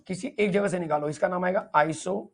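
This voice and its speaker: A man teaching chemistry in an online lecture, lively and playfully teasing, asking students questions and answering for them. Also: high voice, a little fast, gravelly, husky.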